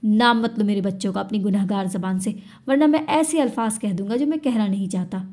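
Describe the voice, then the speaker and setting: A woman's voice: medium pitch, a little fast, natural voice. A woman voicing a furious young man who hurls bitter accusations in an Urdu audio story. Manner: shouting, bitter reproach.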